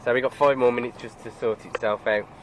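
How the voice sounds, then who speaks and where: Filming a casual driving vlog from his truck cab, a man with a stuffed-up nose from a cold talks to the camera and complains about other road users. He speaks quickly in a mid-range voice with a steady tone. The audio is poor, and road and engine noise fill the cab.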